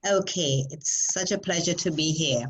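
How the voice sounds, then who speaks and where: A woman's voice: low-pitched, normal speed, slight background noise, poor audio. A woman greeting a webinar audience over a video call before introducing a workshop.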